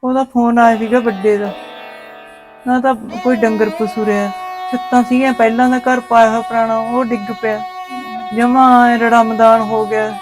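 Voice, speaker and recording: Actress as an older village mother-in-law, Malwai Punjabi accent, fretful and kind, slightly high voice. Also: little pitch movement, moderate pace, over music, natural voice. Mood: sorrowful. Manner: grieving, consoling, proverb-quoting. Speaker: actor in a village short film. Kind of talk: village family drama.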